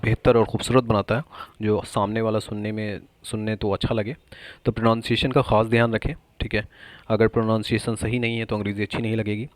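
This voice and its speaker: A man teaching everyday English phrases, repeating each one slowly and asking viewers to comment their answers. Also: lowish voice, a little hiss or hum.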